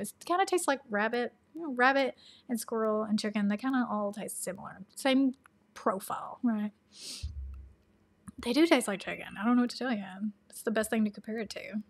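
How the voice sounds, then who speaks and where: A chatty woman with a Tennessee Southern accent hosts a casual livestream and answers viewer questions. She laughs often and slips into soft asides. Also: a little high, fairly quick. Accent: Southern American (Tennessee).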